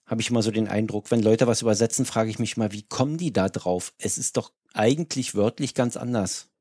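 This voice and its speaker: A man co-hosting a podcast in casual chat, joking around and haltingly reading out dialect words. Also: lowish voice, mellow, no echo, clean studio sound. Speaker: podcast co-host.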